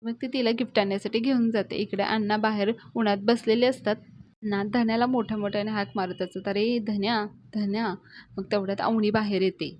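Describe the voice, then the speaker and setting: A woman's voice: mid-range voice, steady tone, brisk, muffled recording. A woman hosting a serial recap, retelling an episode in a conversational storytelling way.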